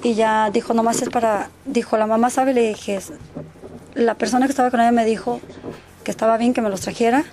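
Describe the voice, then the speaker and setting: A woman's voice: fairly high pitch, steady tone, fairly quick, a little mellow, slight background noise. A woman, a mother and neighbor, telling an interviewer what happened in a rambling way, acting out what people said and slipping English words into her speech. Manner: mixes English words into Spanish. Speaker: neighbor giving a witness account. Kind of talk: casual spoken account, interviewed.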